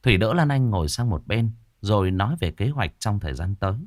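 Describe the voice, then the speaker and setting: Guy reading a spooky story, lively low voice, dry close mic, faint music under. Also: no room sound. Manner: slow, suspenseful storytelling. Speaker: narrator. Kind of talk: horror story narration.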